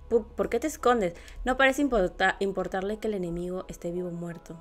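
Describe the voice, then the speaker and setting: A woman with a slightly low voice reads a manga aloud and reacts to it casually. She jumps from loud exclamations to soft murmurs. Faint music plays underneath.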